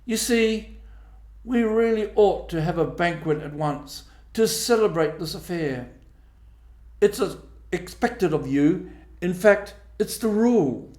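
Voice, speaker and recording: A man's voice: high-pitched, animated, takes it slowly, a little mellow, roomy sound, pitched above the performer's own voice. A man voicing a stern, bossy badger in a storybook reading, speaking in a short, commanding manner. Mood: brisk. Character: stern, brisk, bossy older male Badger.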